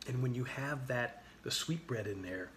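A man hosting a show, chatting in a relaxed, rambling way over a dinner table, often restarting his sentences. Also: mid-range voice, normal speed, a little hiss or hum. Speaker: show host. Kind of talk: casual chat over a dinner. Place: dining table indoors.

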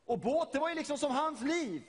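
A man's voice: very high voice, sing-song, long reverb tail. A middle-aged man from Sweden preaching a sermon, retelling a story vividly and often repeating his words.

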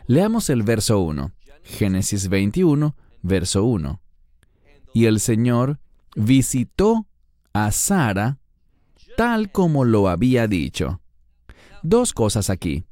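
A man teaching a Bible study lesson, explaining a passage verse by verse, slowing down on key words and putting questions to the listener. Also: fairly low pitch, big pitch swings, dark tone, dry recording.

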